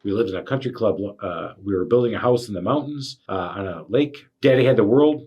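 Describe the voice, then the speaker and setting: Husky-voiced male podcast host, lowish, spins lively anecdotes. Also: brisk, dull audio. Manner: animated storyteller with fillers. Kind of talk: casual storytelling chat.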